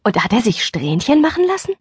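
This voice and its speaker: A woman's voice: a little high, wildly swooping pitch, a little fast, husky, no room sound, clean studio sound, pitched above the performer's own voice, exaggerated voice. A woman playing a gossipy teenage girl. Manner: chatty and teasing. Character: gossipy, teasing teenage girl best friend. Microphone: dry studio microphone.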